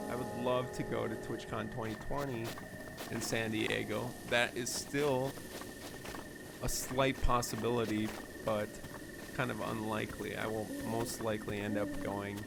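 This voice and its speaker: A man's voice: fairly low pitch, vocal fry. A man, a variety streamer, chatting casually and upbeat while playing a game live and thanking viewers. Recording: loud background noise.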